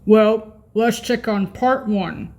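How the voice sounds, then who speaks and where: Taking it slowly, this woman has a higher-pitched voice with a darkish tone. She's a video presenter walking through something on screen without a script, sounding hesitant, often backtracking to repeat or fix what she said, with frequent throat clearing.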